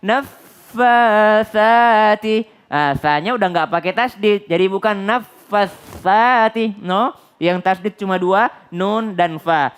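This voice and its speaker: Guru mengaji pria, suara jernih. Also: male voice, sits high, a bit bright, clear, resonant tone. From Indonesia. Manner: corrects mistakes, alternates quick explanation with slow drawn-out recitation. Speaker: Quran recitation teacher. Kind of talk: tajwid lesson with recited examples.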